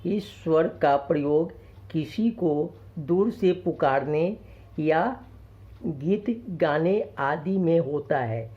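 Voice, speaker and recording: A man teaching a grammar lesson to children, slowly and patiently, explaining each point twice. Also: fairly high pitch, lively intonation, highs cut off.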